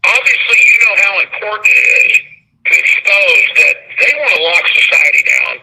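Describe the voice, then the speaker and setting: A man's voice: high-pitched, expressive, normal speed, background noise. A man hosting a talk radio show, interviewing and commenting in an emphatic, urgent manner.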